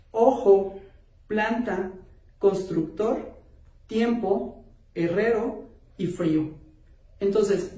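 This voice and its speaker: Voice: medium pitch, warm tone. A course instructor giving an online video lesson step by step, with many filler words and words restarted mid-sentence. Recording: roomy echo, voice distant from the mic.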